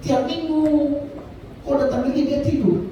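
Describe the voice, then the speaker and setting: A man's voice: very high voice, steady tone, measured pace, highs cut off, noisy background. A male pastor preaching a sermon in a church hall, breaking his lines with calls of amen and hallelujah. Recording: echoey church hall, from far off.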